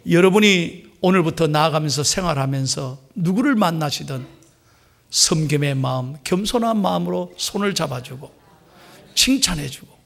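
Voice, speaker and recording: A pastor delivering a sermon in a high, gravelly voice that swings widely in pitch. He preaches emphatically, dropping to a near-whisper before surging back loud. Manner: emphatic, dramatic swings between loud and hushed.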